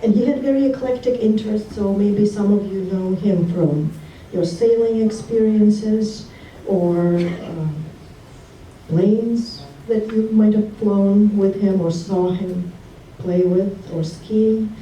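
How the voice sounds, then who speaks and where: A woman from Russia giving a heartfelt, halting memorial tribute speech. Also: mid-range voice, dark tone. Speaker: eulogy speaker. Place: memorial gathering hall. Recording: roomy hall from far off, faint noise.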